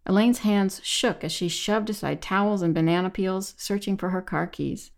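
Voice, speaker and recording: A woman reading a novel aloud in measured, even audiobook narration. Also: medium pitch, vocal fry.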